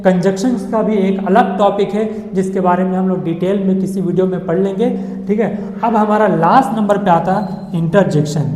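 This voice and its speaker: A man's voice: sits high, a little mellow. A man teaching a grammar lesson, explaining patiently, mixing English words into his speech and checking in with "okay" after each point. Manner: mixes English words into Hindi. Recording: echoey room with long reverb.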